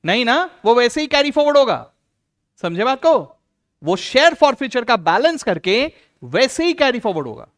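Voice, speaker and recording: A man teaching an accounts lesson, acting out teacher and student and slowing down to stress key rules. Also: extremely high pitch, clear, resonant tone. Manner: lively, plays both teacher and student in little dialogues. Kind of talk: classroom lecture.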